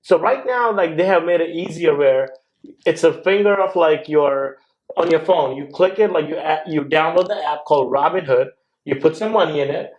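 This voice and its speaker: In a casual podcast chat, a man from India appears as a guest investor, his native tongue being Gujarati or another Indian language, and he sounds hesitant, peppering his talk with "uh" and "like." The voice is a little high and darkish in tone at a moderate pace, and the audio is dull.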